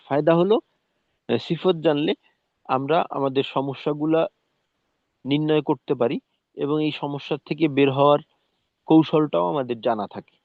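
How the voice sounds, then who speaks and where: A man teaching Quran recitation in a recorded lesson. He demonstrates letter sounds slowly, one syllable at a time. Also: fairly high pitch, dry recording. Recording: tinny phone-like dry sound.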